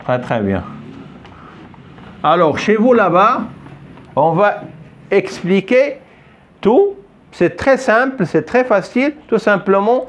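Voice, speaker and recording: Slow, patient male French teacher. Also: high voice, big pitch swings. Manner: patient, repeats words and checks understanding often. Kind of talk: classroom lesson. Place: classroom with a board.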